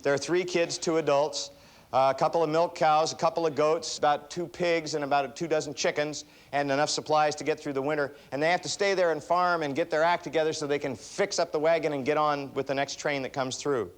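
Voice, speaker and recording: A man giving a seminar talk and telling stories in an animated, self-deprecating way. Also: fairly high pitch, fairly quick. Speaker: motivational speaker.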